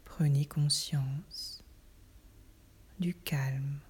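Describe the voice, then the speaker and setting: A woman whispering a guided relaxation in a soft, breathy, soothing voice, with slow delivery and long pauses. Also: deep voice, fairly even intonation.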